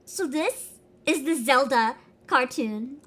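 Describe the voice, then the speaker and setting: A woman chatting casually on a reaction livestream, excitable, giggly and given to exclaiming as she hosts. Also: high-pitched, takes it slowly, heavy background noise. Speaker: streamer, host.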